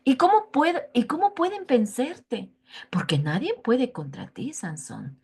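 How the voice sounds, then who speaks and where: A woman's voice: high voice, very animated, unhurried, darkish tone, slightly rough, pitched above the performer's own voice, full character voice. A Mexican Spanish woman voicing a coaxing, scheming young woman with a wheedling, sing-song plead in a children's Bible story.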